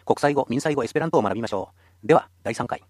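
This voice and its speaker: A man's voice: mid-range voice, lively intonation, racing, darkish tone, no echo. A man teaching a radio language lesson, explaining patiently and encouraging listeners.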